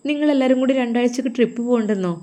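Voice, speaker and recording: A woman's voice: on the high side, very fast, mellow, close to an everyday voice. A woman voicing a scheming young woman who talks in a coaxing, innocent-sounding way, with a Malabar Malayalam accent.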